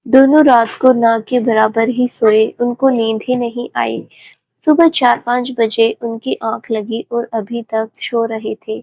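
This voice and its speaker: A woman narrating a romance story in a gentle, even storytelling manner. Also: on the high side, slow, no room sound, rough recording.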